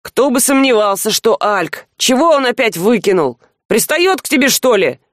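A woman reading an audiobook voices a gruff young thief who grumbles and sounds suspicious. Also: a little high, very animated, moderate pace, fairly bright tone, dry recording, clean studio sound.

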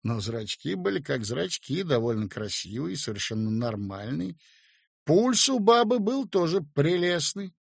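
A man reading a story aloud in a measured, expressive storytelling way. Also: fairly high pitch, vocal fry, husky, no room sound, clean studio sound. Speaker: narrator. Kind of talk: audiobook reading.

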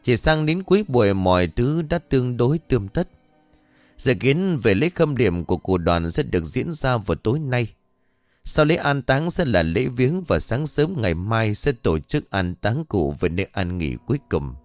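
A man narrating a dark village story in a scripted, dramatic delivery. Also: mid-range voice, sing-song, normal speed, no room sound, soft background music.

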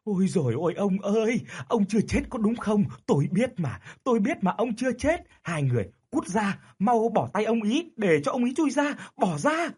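A man's voice: very animated, normal speed, few pauses, darkish tone, husky, exaggerated voice. A man voicing a frantic grieving old widow who wails and pleads. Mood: hysterical wailing. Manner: shrill wailing, pleading.

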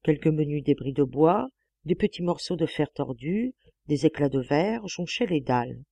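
A woman narrating a classic novel as an audiobook, with a measured, expressive reading on a close mic. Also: low-pitched, no echo, highs cut off. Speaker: audiobook reader.

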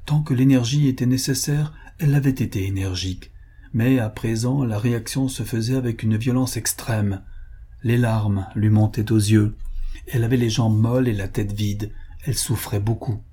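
A man narrating a literary audiobook in a measured, expressive reading. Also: lowish voice, husky.

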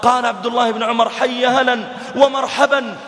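A man's voice: extremely high pitch, level tone, brisk, fairly bright tone. A man preaching a sermon, telling stories and acting out the dialogue dramatically with big swings in his voice. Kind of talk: sermon storytelling. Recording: echoey hall.

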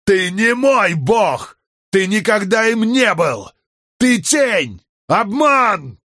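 A man voicing a desperate, defiant aging warlord prince who pleads and shouts at the sky. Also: deep voice, lively intonation, takes it slowly, husky, no echo, clean studio sound, full character voice.

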